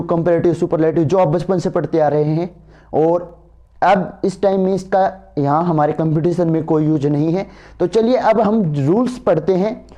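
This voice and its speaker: Male grammar tutor, dark mellow voice, keeps asking "right?". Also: high voice. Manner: asks students for agreement, repeats words. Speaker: teacher. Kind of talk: exam grammar lecture.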